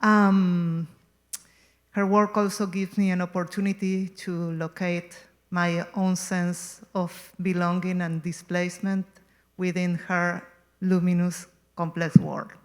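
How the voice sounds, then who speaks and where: A woman's voice: lowish voice, level tone, slow pace. A woman in her forties from Argentina giving a gallery talk as the guest artist, hesitant, with many ums and restarts. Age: 40s. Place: museum gallery.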